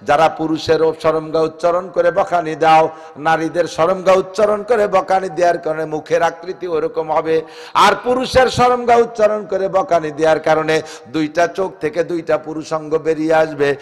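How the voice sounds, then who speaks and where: Gopalganj Bengali preacher, male, pitched a little high, moves from shouting to quiet asides, reverberant hall. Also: fairly even intonation, moderate pace. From Bangladesh. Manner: swings from shouted exhortation to soft, joking asides. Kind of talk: Islamic sermon to a congregation.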